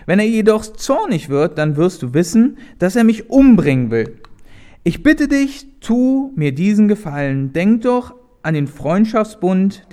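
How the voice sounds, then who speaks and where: A man's voice: sits high, a little mellow. A man reading the lines of David, a frightened young man pleading with his friend for his life, in an urgent voice.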